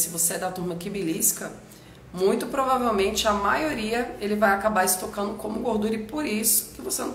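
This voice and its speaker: A woman's voice: on the high side, fairly bright tone. Woman on a live talking right at her viewers, echoey room with a bit of noise. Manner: direct, speaks straight to viewers. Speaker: nutrition live stream host. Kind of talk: instructive live talk to viewers.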